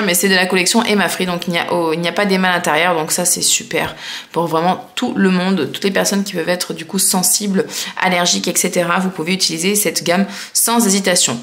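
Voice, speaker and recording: A woman's voice: on the low side, a bit bright. A woman vlogger chatting casually and enthusiastically as she reviews nail polishes, with frequent fillers.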